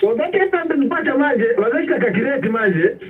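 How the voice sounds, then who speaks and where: A man's voice: extremely high pitch, expressive, brisk. A man calling in on a phone line, walking through figures step by step and checking "okay?". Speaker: caller. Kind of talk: phone-in call to a radio show. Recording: tinny distant phone line.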